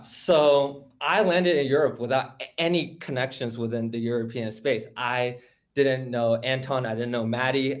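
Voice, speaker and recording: A man, telling eager, quick stories as a guest on a casual interview show. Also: mid-range voice. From California. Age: teens. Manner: eager, fast storytelling. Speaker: guest, hackathon organizer.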